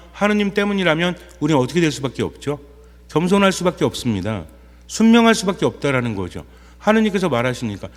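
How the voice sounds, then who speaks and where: Male priest, higher-pitched, preaching in a reverberant church, rhetorical Q&A style. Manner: asks rhetorical questions and answers them himself; acts out quoted inner voices in a softer, lower tone. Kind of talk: sermon.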